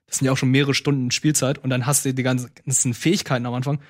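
Man talking games, quick and hesitant. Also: mid-range voice, little pitch movement. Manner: quick, hesitant, many fillers. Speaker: podcast co-host. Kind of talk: casual gaming chat.

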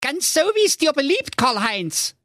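A man voicing a kindly but foul-mouthed ogre wife in a comic fairy tale, speaking in a high, fussy falsetto. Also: sing-song, sharp tone, dry recording, studio quality, full character voice. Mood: urgent. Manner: fussy, hurried, scolding. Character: kindly sharp-tongued ogre wife, middle-aged.

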